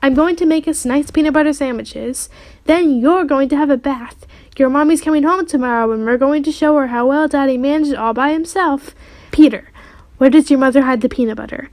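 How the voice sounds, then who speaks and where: A woman's voice: high-pitched, brisk, darkish tone, no echo. A woman voicing a cheerful, bumbling middle-aged father who talks heartily. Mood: flustered.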